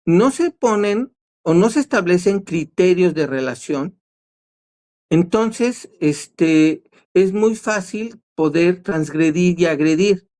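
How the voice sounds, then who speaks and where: A man's voice: sits high, a little mellow. A man, a therapist guest on a talk show, explaining at length and asking himself rhetorical questions. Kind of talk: casual talk show discussion.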